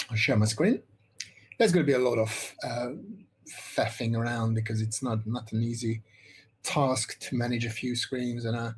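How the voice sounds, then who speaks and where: A man's voice: mid-range voice, slightly rough. Rambling Hungarian-born man lecturing online. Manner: rambling, many fillers and restarts. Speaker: visual effects lecturer. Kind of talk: online workshop presentation.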